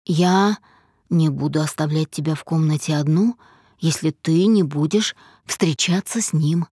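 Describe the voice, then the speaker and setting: A woman reading a controlling husband in a lowered, slow, stern voice for an audiobook. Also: dark tone, husky, no echo, clean studio sound. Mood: cold, lecturing. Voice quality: low, measured, slow and stern. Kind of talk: audiobook character voice.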